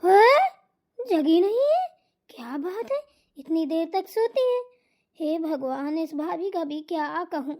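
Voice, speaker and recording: A woman's voice: very high voice, big pitch swings, takes it slowly, darkish tone, heavily acted. A woman voicing a sleepy, complaining young sister-in-law in a cartoon comedy, whiny and sulky. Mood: cranky.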